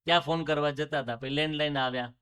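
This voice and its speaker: A man with a Gujarati accent delivers a spiritual discourse, and his voice sits somewhat high for a man. He tells a story, puts rhetorical questions to the listeners, and slips English phrases into his talk. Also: fairly even intonation, fast talker, pushed and bright, clear, resonant tone. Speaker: religious speaker.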